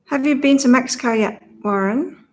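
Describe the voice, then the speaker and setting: A woman with a high voice and a slight morning croak hosts a relaxed online reading session as a psychic reader and channel host. At a moderate pace she chats, laughs often and reads viewers' comments aloud before moving on to the cards in this casual livestream.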